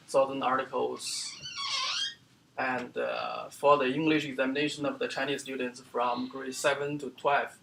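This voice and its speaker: A man giving an academic seminar lecture as the speaker, explaining in a halting way with many fillers and restarts. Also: mid-range voice, gravelly, fairly bright tone, slight background noise. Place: lecture room.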